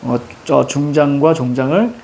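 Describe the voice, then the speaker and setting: Brief: woman teacher, classroom lecture, gravelly voice, casual and jokey, slow verse reading. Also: a bass voice, dark tone, slight background noise. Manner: chatty, jokey, reads verse slowly. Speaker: Korean literature teacher.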